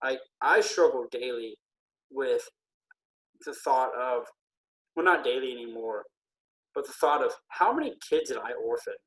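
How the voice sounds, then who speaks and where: A man who is feeling ill, a military veteran speaking earnestly and haltingly with many pauses in a casual podcast conversation. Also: mid-range voice, lively intonation, a bit bright, poor audio.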